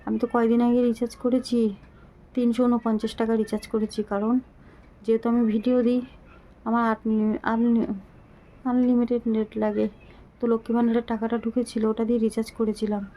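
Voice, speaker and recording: A middle-aged woman talking slowly and haltingly to her viewers into a phone camera, weak and short of breath. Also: on the high side, level tone, mellow, poor audio. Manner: slow, halting, pleading. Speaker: vlogger. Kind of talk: casual talk to viewers.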